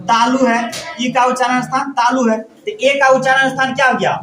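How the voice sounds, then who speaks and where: A male teacher drilling a lesson, asking questions and answering them himself with steady repetition. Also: extremely high pitch, normal speed. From India. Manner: asks questions and answers them himself, repeating each point. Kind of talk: classroom grammar lesson. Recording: echoey room.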